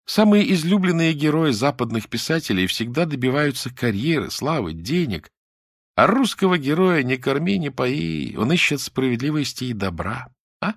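A man's voice: medium pitch, very animated, normal speed, no echo, studio quality, voice pushed up. Male reader doing a preachy bookish girl, slightly raised, lecturing. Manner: lecturing, earnest. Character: bookish, preachy young woman.

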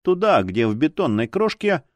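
A man reading an audiobook aloud in a dramatic, expressive manner. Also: fairly high pitch, moderate pace, no room sound. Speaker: audiobook narrator. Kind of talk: scripted audiobook narration.

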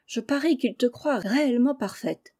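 A woman's voice: on the high side, normal speed, dark tone, husky, voice pushed up. A woman voicing a haughty, selfish young girl with a disdainful manner. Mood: piqued. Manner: piqued and disdainful.

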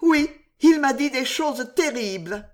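A pale young noblewoman, voiced by a reader, pleads in a shaken, lively voice that swings up and down. She speaks slowly, as if every word costs her. Heard as a character in an audiobook reading. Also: high voice, voice pushed up. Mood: frightened.

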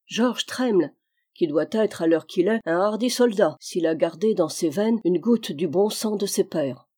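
Old faithful manservant, earnest and loyal, mellow voice, as a woman reads him, audiobook. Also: lowish voice, expressive, a little slow, breathy edge. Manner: earnest, devoted. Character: old faithful male Breton valet.

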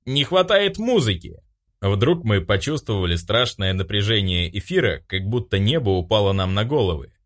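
A man reading an audiobook aloud with expressive storytelling. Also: on the low side, normal speed, few pauses. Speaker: audiobook narrator. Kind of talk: audiobook narration.

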